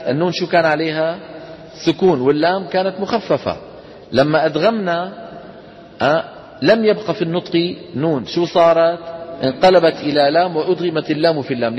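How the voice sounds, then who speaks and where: Man teaching in a reverberant hall. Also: on the high side. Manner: explains step by step, asks the class questions, chants Quran examples. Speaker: teacher of Quran recitation rules. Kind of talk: classroom lesson on tajweed. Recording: dull sound with long reverb.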